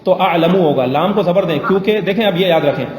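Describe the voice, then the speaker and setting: Brief: male teacher in a live grammar class, slightly high voice, patient and questioning, roomy echo with faint hiss. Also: a little mellow. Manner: patient, corrects students with questions. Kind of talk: interactive classroom lesson.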